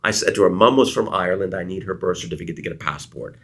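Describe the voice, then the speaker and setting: Deep-voiced middle-aged man telling stories. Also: fast talker, husky. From Canada. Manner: animated storyteller, acts out quoted dialogue. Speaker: guest consultant. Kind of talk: storytelling interview answers.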